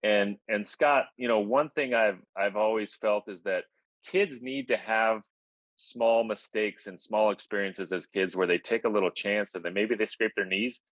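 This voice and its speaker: A man with a lowish voice co-hosts a casual podcast, upbeat and talking in long run-on thoughts. The sound is close and dry, with no room around it. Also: moderate pace, a bit bright, no room sound, poor audio. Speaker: podcast co-host.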